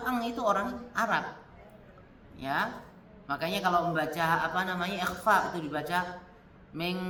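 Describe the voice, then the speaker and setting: Male teacher from Indonesia running a Quran reading class, bright voice, some distance from the mic. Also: sits high, a little hiss or hum. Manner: demonstrates Arabic letter sounds aloud, repeating them. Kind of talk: Quran recitation lesson. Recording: echoey room, speaker off-mic.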